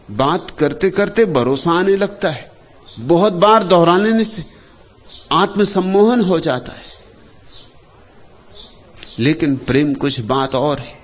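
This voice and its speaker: A man giving a spiritual discourse in short, deliberate phrases, pausing often and letting his voice sink low and soft at the end of each thought. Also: slight background noise. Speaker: spiritual speaker.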